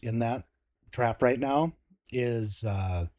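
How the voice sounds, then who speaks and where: A man hosting a casual podcast interview, agreeing often and giving his opinions in halting, restarted sentences. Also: mid-range voice, darkish tone, dry recording, studio quality. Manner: agreeable, with short affirmations and halting, opinionated remarks. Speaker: podcast host.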